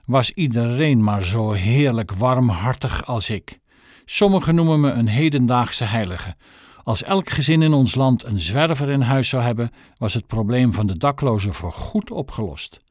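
A man's voice: medium pitch, expressive, normal speed, a little mellow, dry recording, close to an everyday voice. A man voicing a pompous, snobbish mother and politician with an affected, posh phone voice. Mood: self-satisfied.

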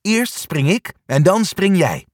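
A man's voice: high voice, very animated, takes it slowly, no echo, clean studio sound, voice pushed up, heavily acted. Sja, a grumpy reluctant cat played by a man. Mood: grumbling. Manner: grumbling, reluctant.

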